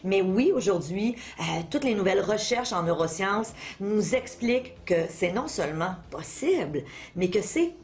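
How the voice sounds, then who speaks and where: A woman's voice: medium pitch, expressive, normal speed, a little mellow. A middle-aged woman with a Quebec French accent, explaining self-help ideas conversationally as an interview guest, teaching through questions and examples. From Quebec, Canada. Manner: didactic, addresses listeners with questions and examples. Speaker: interview guest, motivational speaker and author.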